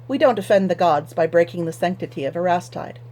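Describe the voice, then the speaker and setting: A pious farmer, polite yet stubborn, speaking flatly and firmly, as a woman reader puts him on. The voice sits a bit below her narration. It belongs in a storybook reading. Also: lowish voice, brisk, a little hiss or hum, natural voice. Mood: firm courteous. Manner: firm, flat, stubborn. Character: stubborn, pious middle-aged male farmer.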